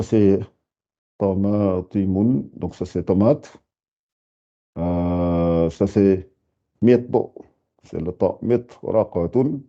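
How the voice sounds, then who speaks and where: A man teaching a beginners' lesson, patiently repeating words and sounding them out slowly. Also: low-pitched, warm tone. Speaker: Arabic teacher. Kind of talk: slow spoken lesson. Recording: dull lo-fi sound.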